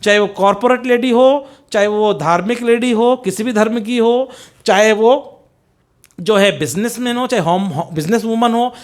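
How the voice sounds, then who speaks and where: A middle-aged male teacher with a high voice lectures on an English poem for exam students. He mixes Hindi and English, asks questions and answers them himself, and slows right down whenever he quotes a line of verse. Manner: explains in Hindi mixed with English, reads poem lines slowly and stretched.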